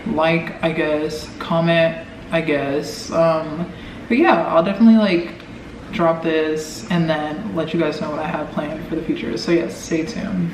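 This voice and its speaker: This eighteen-year-old vlogger from Omaha, Nebraska, has an American accent and a fairly high, steady, unhurried voice. He rambles informally to the camera, leaning heavily on "like" and other fillers. The room is echoey and noisy, with a distant mic.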